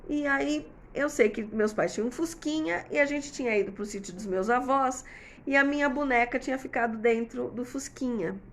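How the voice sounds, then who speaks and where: Woman in her 50s, slightly high voice with some fry, chatty advice talk with viewers. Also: normal speed. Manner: chatty, frequent "né?" tag questions, explaining with examples. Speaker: host answering viewer comments.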